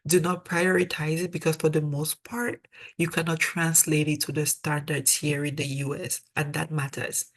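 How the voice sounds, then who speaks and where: Speaking at normal speed in a low-pitched, flat voice, a young woman from Cameroon with a Cameroonian accent offers earnest webinar advice as a dental student mentor via video call, restating key points for emphasis.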